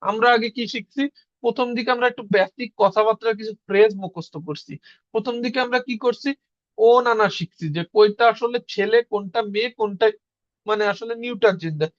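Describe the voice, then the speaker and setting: A man's voice: sits high, fairly quick, lo-fi sound. A man teaching Russian in an online class, explaining step by step and answering his own questions.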